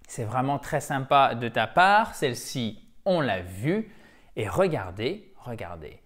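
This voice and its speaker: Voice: mid-range voice, very animated, slow pace, fairly bright tone. An English teacher giving an online language lesson in a conversational style, talking straight to the viewers and repeating words with emphasis to drill pronunciation. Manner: addresses viewers directly, conversational.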